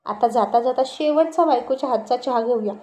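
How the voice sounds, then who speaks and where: A woman's voice: fairly high pitch, fairly quick, a little mellow, lightly acted. A woman reading a story aloud and voicing a playful young husband who teases and coaxes his wife. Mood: teasing. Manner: teasing, coaxing.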